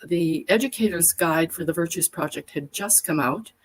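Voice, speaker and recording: In a voice on the low side and at a moderate pace, a woman from Alberta, Canada, tells her story at length; the audio quality is poor. She is an older workshop facilitator visiting a live video chat as a guest, a chatty storyteller whose answers run long and detailed.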